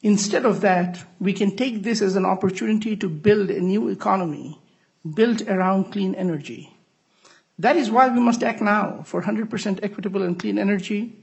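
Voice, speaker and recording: High, gravelly man from Bangladesh. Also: moderate pace, darkish tone. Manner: earnest, formal speech. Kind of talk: legislative testimony.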